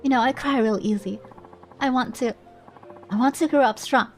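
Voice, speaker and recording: A woman voicing an earnest, shy young boy in love, read softly and heartfelt. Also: a little high, moderate pace, soft background music, lightly acted. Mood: tender.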